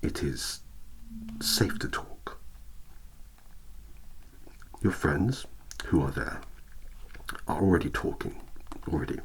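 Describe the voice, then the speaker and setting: Man playing very deep, slow elf inquisitor, whispered role-play. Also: expressive, slight background noise, exaggerated voice, poor audio. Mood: hypnotic, soothing. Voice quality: soft-spoken, breathy half-whisper. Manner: slow, deliberate, hypnotic, coaxing elf interrogator. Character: cold, patient male elf inquisitor interrogating a human prisoner.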